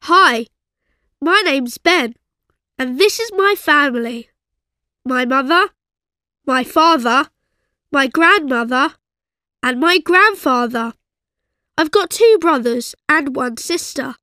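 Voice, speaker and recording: Woman doing a young boy, high bright voice, slow, clear diction, dry sound. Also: lively intonation, no room sound, heavily acted. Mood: cheerful. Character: young boy character in course book. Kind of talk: slow scripted textbook dialogue.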